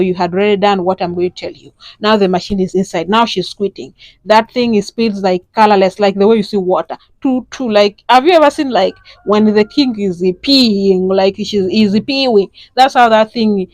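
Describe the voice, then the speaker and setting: A woman's voice: mid-range voice, darkish tone, no room sound, poor audio. A woman, hosting a casual instructional talk and chatting directly with her viewers. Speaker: host, sex educator.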